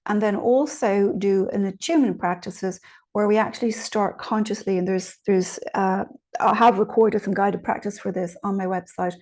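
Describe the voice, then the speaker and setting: Here a woman with a slightly mellow, medium-pitched voice leads informal meditation guidance at a normal speed and fairly even intonation. She fields questions and encourages listeners, pausing often for little check-ins.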